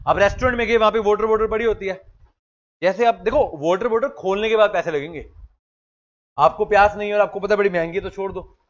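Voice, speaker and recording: A man's voice: sits high, fairly bright tone, dull audio. A man teaching a law lecture in a chatty way, switching into English legal terms and telling stories from daily life. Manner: chatty, mixes English legal terms into Hindi, tells anecdotes.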